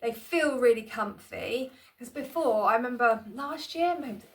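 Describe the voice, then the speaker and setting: A woman's voice: a little high, unhurried. A woman chatting casually to her phone camera in a small room at home, rambling and self-deprecating, with plenty of "um"s and restarts. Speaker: vlogger. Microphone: phone camera on tripod.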